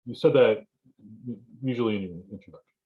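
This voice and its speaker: A male writing instructor talks students through a lesson on a video call. He is halting and restarts phrases often, in a mid-range voice. The sound is dull and lo-fi. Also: mid-range voice. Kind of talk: informal lecture to students. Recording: dull, muffled lo-fi audio.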